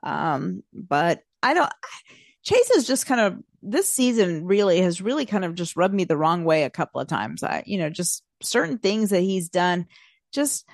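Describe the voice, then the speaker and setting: A woman's voice: lowish voice, very animated, moderate pace, gravelly, no echo, studio quality. A woman co-hosting a casual talk show, chatty and a little hesitant, often laughing between points. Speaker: podcast co-host. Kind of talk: casual chat.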